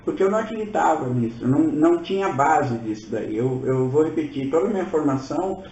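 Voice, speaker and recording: A man's voice: fairly high pitch, lively intonation, fast talker, a little mellow, a little hiss or hum. Man around sixty with a Brazilian accent. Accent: Brazilian Portuguese. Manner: chatty and storytelling, often ending with tag questions. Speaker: spiritual teacher presenting his course. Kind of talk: informal workshop talk. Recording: roomy, distant, dull-sounding.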